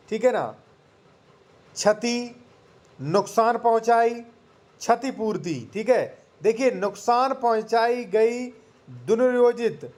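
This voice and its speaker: A man hosting a legal advice channel, explaining a court order in a conversational way, reading figures from the document and often pausing to check in with listeners. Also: high voice. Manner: conversational, repeats "theek hai" to check in with listeners; explains slowly, reads figures from a document and restates them. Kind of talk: casual explainer to camera.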